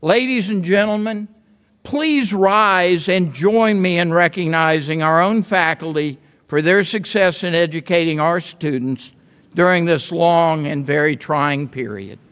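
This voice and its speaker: An older man, a university president, giving a measured, formal commencement address from a podium microphone in a large arena. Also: a little high, fairly bright tone, smooth. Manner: measured, ceremonial delivery. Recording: long reverb of a large hall.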